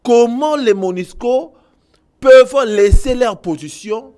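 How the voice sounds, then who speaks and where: A man from Congo with a Congolese French accent, delivering impassioned political commentary to viewers and switching between French and Lingala. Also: slow pace. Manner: emphatic, mixes French and Lingala, swings from loud outbursts to low intensity. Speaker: online news commentator.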